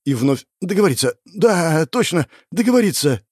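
A man voicing a young man who is half-mad, stammering and laughing through tears, with a high, lively, breathy voice. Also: normal speed, dry recording, studio quality. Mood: frantic.

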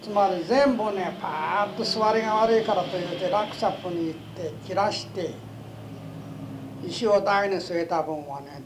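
An older man with a western Japanese dialect, talking in a folksy, opinionated and emphatic way as he reminisces in an interview. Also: sits high. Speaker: oral history interviewee, stone collector. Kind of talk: conversational reminiscence. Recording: noisy amateur interview tape.

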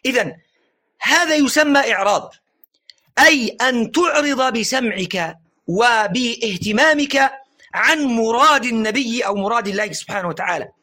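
رجل بصوت عالٍ ومشرق يلقي درساً دينياً. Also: male voice, expressive, pushed and bright. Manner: earnest lecturing, repeatedly urging listeners to pay attention; slow stressed phrases, drops low at sentence ends. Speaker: religious teacher. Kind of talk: recorded religious lesson.

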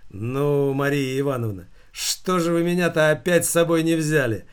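Jovial teasing director, read by a man, raised pitch, hearty banter. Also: lively intonation, normal speed, natural voice.

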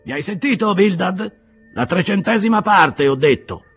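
A man voicing an irascible old sea captain who blusters and shouts curses in an audiobook reading. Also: a little high, sing-song, normal speed, gravelly, breathy edge, soft background music, voice pushed up, exaggerated voice. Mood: insistent. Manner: shouting, explosive, cursing. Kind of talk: audiobook character voice.

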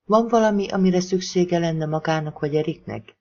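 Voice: medium pitch, highs cut off, voice pushed up, lightly acted. A narrator voicing a kind, smiling pregnant woman with a slight foreign accent, in an audiobook reading. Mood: kindly. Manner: soft and kindly.

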